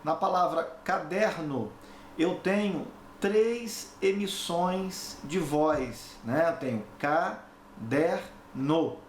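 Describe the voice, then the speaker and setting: Slow-explaining male teacher. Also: on the high side, lively intonation. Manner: explanatory, repeats key points with tag questions. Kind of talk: recorded online lesson. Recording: echoey room, faint background noise.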